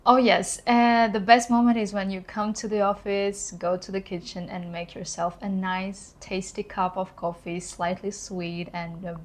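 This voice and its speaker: A Kazakh woman in her thirties records an earnest, reflective personal vlog in English, her second language, with a Kazakh accent and the occasional laugh. Her mid-range voice stays flat and unhurried, with hardly any pauses.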